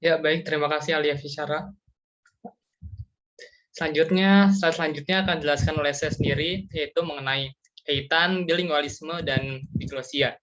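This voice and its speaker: A young student acting as moderator takes over the presentation, speaking formally at a middle pitch and working through numbered points. The sound is dull and lo-fi. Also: moderate pace. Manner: formal, steady reading with enumerated points. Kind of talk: class presentation. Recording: dull lo-fi recording.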